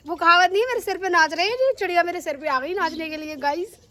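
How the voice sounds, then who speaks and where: A young woman chatting casually to her vlog viewers, teasing and animated. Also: extremely high pitch, quick pace. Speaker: vlogger.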